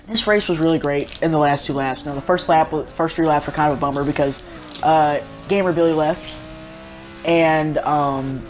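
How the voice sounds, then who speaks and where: A man's voice: fairly high pitch, slight background noise. A young man, chatting casually and jokily as he reviews a racing game car for his viewers. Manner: rambling, jokey, chatty, talks straight to viewers. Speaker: gaming video host.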